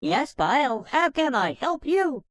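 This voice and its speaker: A man's voice: very high-pitched, big pitch swings, a little slow, fairly bright tone, dry recording, clean studio sound, voice pushed up, full character voice. A man voicing a friendly purple receptionist with many arms, who speaks politely and helpfully.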